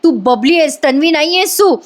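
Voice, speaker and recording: A woman acts out a firm young daughter-in-law, accusing a liar to her face. She speaks in a high voice with a hard edge. There is little change from the narrator's own voice. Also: expressive, moderate pace.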